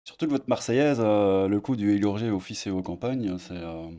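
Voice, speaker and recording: A man giving casual online commentary as he reads posts aloud, sarcastic, often trailing off into low mutters. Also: moderate pace, dark tone.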